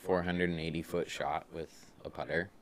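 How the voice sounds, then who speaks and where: A man co-hosting a casual live stream, dropping dry, deadpan jokes. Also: low-pitched, moderate pace, a little hiss or hum. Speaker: co-host.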